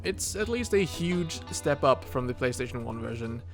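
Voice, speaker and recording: A man's voice: mid-range voice, big pitch swings, normal speed, loud music behind the voice. A man narrating a scripted game review video with sarcasm and casual swearing.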